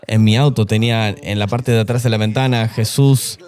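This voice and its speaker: A man's voice: fairly low pitch, fairly even intonation, moderate pace, darkish tone. A middle-aged man, a pastor, telling his personal testimony in an earnest, confessional way during an interview.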